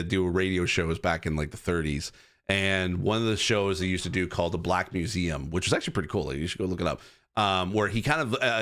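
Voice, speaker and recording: A man's voice: low voice, a bit bright, clear, resonant tone. A man hosting a live stream, chatting casually with lots of fillers and restarts. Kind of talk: casual rambling commentary.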